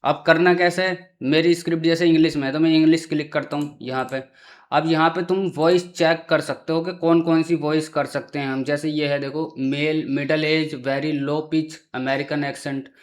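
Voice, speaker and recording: Chatty male tutorial host, slightly high. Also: steady tone, normal speed. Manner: chatty, repeatedly checks in with the viewer. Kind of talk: casual screen-recorded tutorial.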